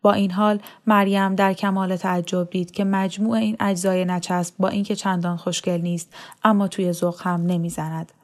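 Calm woman narrating a novel. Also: on the low side. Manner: calm, even, measured storytelling. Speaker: story reader.

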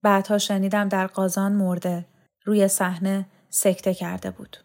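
A woman narrating a novel aloud as an audiobook reader, calm and measured. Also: mid-range voice. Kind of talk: scripted literary narration.

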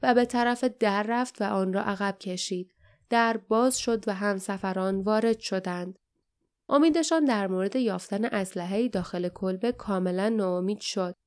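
A woman reading an audiobook as narrator, telling the story in a calm, even way. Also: medium pitch, clean tone. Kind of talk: scripted narration.

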